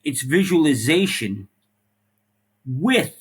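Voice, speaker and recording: Slow and slightly rough, this man's voice sits a little high and swings widely in pitch. He is a middle-aged former police officer and firefighter, earnestly chatting as a podcast guest in a casual interview. He frequently repeats words and uses "like" and "right?".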